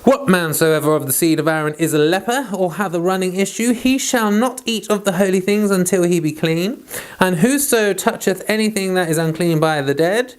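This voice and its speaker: With a clear, resonant, medium-pitched voice at normal speed, the host of a Bible read-along vlog moves from loose, rambling conversation into reading scripture aloud. The manner is playful, informal and quick to poke fun at itself.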